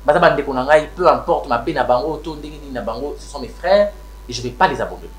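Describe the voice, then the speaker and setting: A man's voice: fairly high pitch, expressive, fast talker, lightly acted. An actor with a Congolese French accent playing a wealthy man who looks after his siblings, switching between French and Lingala. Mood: firm, explaining. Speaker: wealthy family head. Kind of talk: Congolese TV series acting. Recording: roomy room with background music.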